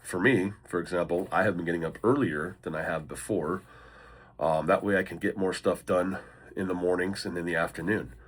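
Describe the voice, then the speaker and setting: Low husky-voiced man giving motivational talk. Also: steady tone, moderate pace. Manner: earnest, repetitive, encouraging. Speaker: motivational vlogger. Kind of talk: casual motivational talk to camera.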